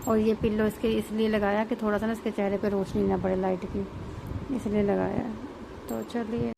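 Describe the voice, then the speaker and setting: Brief: mom vlogger with a tinge, rambling and conversational, filmed at home over noisy household ambience. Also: female voice, medium pitch, level tone, moderate pace, gravelly. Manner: chatty, explaining at length with many fillers. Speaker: mother vlogging about her baby. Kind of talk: casual home vlog. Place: at home, indoors.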